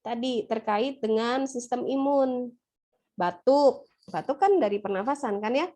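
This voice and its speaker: A woman lecturing nursing students in an online class, asking them questions in a brisk, playful way. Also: on the high side, warm tone. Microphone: laptop or webcam mic on a video call.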